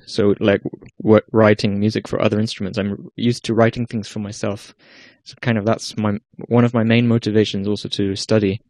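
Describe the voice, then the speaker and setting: A young Icelandic-accented man speaks in a low, even voice, telling his story in a relaxed interview. He hesitates and restarts often as he searches for words. The sound is close and dry, with no room around it. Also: no echo. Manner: hesitant, many restarts and fillers. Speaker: guest musician. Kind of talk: casual interview talk.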